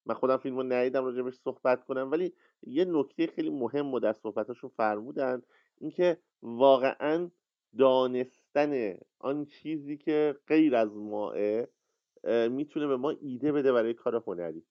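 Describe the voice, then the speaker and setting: A man's voice: mid-range voice, no room sound, muffled recording. A man hosting a literary workshop, speaking in a rambling, hesitant way with many fillers over an online audio call. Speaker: workshop host. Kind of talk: casual lecture on a live audio chat.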